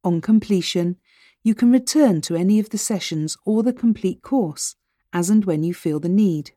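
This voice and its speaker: In a dry, studio-quality recording, a woman with a warm, medium-pitched voice presents a scripted hypnosis narration. Her phrasing is measured and deliberate, and she speaks directly to the listener.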